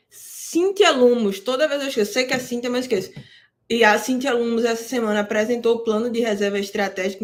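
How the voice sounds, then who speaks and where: A woman crypto market commentator hosts casual market analysis to camera, covering crypto and interest-rate news in a relaxed, conversational way. She has a medium-pitched voice, explains jargon plainly for beginners, and often checks in with her listeners.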